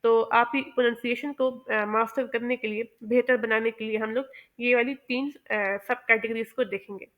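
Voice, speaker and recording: A woman with a fairly high voice gives a lesson on pronunciation. She explains step by step in a measured way and often stops to say "uh". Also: steady tone, narrow, tinny audio. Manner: measured and explanatory, with many "uh" pauses. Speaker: English pronunciation teacher.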